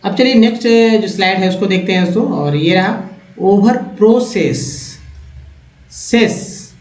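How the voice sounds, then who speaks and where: A man teaching English, slowly reading out word lists and repeating each word for his learners. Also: high voice, expressive, a little mellow, a little hiss or hum. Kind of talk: slow word-by-word reading lesson. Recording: echoey, dull lo-fi room sound.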